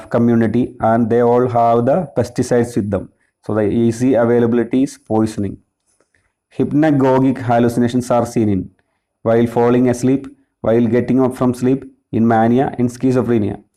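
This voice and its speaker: A man's voice: medium pitch, dark tone. A man, reading multiple-choice nursing exam questions and explaining each answer plainly. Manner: reads options in a list, then explains plainly.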